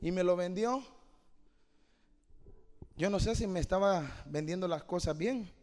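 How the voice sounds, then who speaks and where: A man pastor preaching a sermon, moving from quiet talk to shouted fervor and often calling the listener "mi hermano". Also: high-pitched, unhurried. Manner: peppers lines with "mi hermano". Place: church hall. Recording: long hall reverb.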